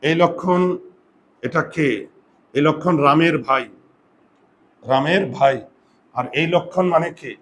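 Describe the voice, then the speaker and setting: A man's voice: on the high side, a little slow, pauses often, fairly bright tone. Man teaching a grammar lesson, checking in often. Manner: explains step by step, often asks if students follow.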